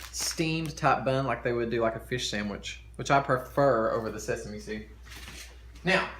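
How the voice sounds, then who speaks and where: Low-voiced man chewing while talking, echoey kitchen. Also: fairly bright tone. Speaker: mukbang vlogger. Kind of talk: casual eating-show chat to camera. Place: home kitchen. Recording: echoey room with background noise.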